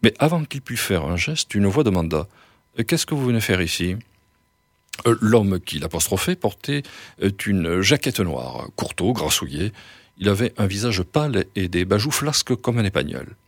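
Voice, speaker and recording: A man reading a story aloud, expressive with the odd hesitation. His voice sits fairly low and moves a lot in pitch. The recording is close and dry. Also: moderate pace, no echo. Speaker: reader.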